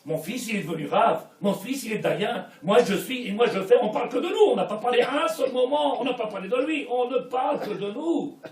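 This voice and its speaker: A man with a French Israeli accent giving a Torah class, swinging between soft asides and shouted points, mixing in Hebrew phrases. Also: extremely high pitch, animated, fairly quick, hardly any pauses. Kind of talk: sermon. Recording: echoey room, mic at a distance.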